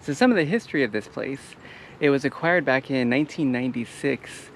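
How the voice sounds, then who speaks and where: Man host, gravelly voice, laid-back trail vlog, faint outdoor noise. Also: mid-range voice, a little fast. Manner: relaxed, explanatory, with fillers. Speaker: travel vlogger. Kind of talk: casual hiking vlog chat.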